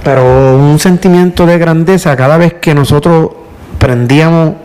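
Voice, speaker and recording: A man's voice: a little high, moderate pace, darkish tone. Emotional Puerto Rican man telling his story. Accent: Puerto Rican Spanish. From Puerto Rico. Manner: emotional storyteller, repeats words, tearful at times. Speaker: guest, power utility worker. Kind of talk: emotional casual conversation.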